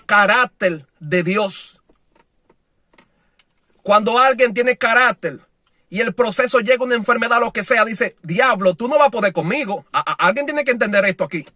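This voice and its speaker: A man preaching a sermon with passion, moving between loud declarations and soft, low lines, and acting out the voices of people he quotes. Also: normal speed, no echo.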